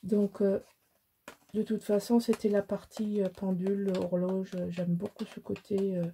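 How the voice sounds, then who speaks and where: A woman's voice: mid-range voice, flat delivery, unhurried, dark tone, a little hiss or hum. A middle-aged woman from Alsace, chatting casually through a crafting tutorial, rambling and self-mocking with many restarts. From Alsace, France. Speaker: scrapbooking crafter.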